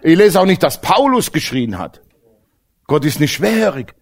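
Male preacher, humorous lively sermon style, expressive pitch, slightly high voice. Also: moderate pace, gravelly. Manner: animated, jokes with the congregation, swings from loud to hushed.

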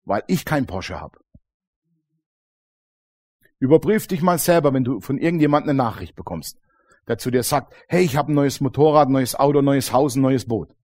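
A man preaching a sermon to a congregation, lively and colloquial, acting out little dialogues and often calling out "Amen". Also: mid-range voice, moderate pace, pauses often. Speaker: pastor. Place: church congregation.

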